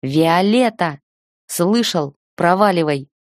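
A woman's voice: lowish voice, lively intonation, takes it slowly, dry recording, studio quality. Woman reading as a fed-up blunt young man. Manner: curt, exasperated orders.

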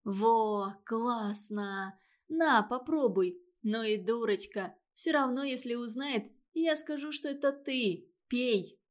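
A woman voicing a spoiled, sly little girl who chatters and lies. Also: on the high side. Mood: cheeky. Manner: fast sly wheedling chatter.

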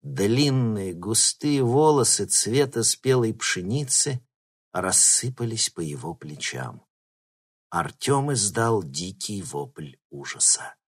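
Husky, lively male audiobook narrator. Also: lowish voice, slow. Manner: lively expressive reading. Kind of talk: scripted narration.

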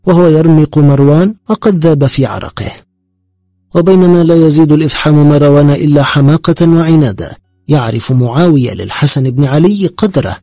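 A man reading a historical book aloud in a measured, formal narrating style, close to the mic. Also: on the high side, mellow, no room sound. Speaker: audiobook narrator. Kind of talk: scripted narration.

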